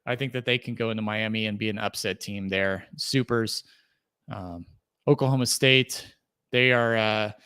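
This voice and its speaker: A man's voice: on the low side, steady tone, normal speed, pushed and bright, clear, resonant tone. A young adult man hosting a solo sports podcast, talking casually and rambling through fillers and restarts as he thinks aloud. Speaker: podcast host.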